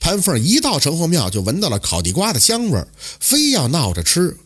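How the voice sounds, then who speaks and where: A man tells a traditional folk tale with a husky, slightly breathy voice. His pitch swings widely as he dramatizes the story in an animated oral-storytelling style. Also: a little fast. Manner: lively, dramatic intonation.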